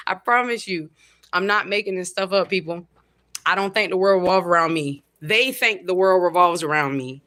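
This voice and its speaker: A woman's voice: on the low side, a bit bright. A woman from Florida, ranting casually and profanely on a home livestream, rambling and talking straight to her chat. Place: at home by a window.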